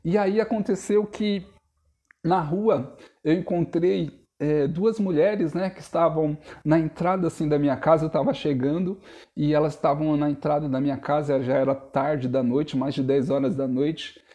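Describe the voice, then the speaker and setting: A young adult man preaches to his congregation, sharing a personal testimony in an earnest, storytelling manner and calling his listeners brothers. His voice is mellow and fairly high, with fairly even intonation and a moderate pace.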